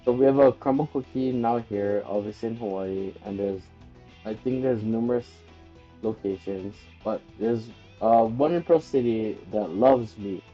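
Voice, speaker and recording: A man's voice: fairly low pitch, a little slow, highs cut off, faint music behind. A man streamer chatting casually and telling rambling stories. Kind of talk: casual chat.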